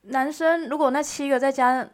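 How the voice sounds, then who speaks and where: A woman's voice: sits high, steady tone, normal speed. A woman co-host talking in a casual, conversational chat style.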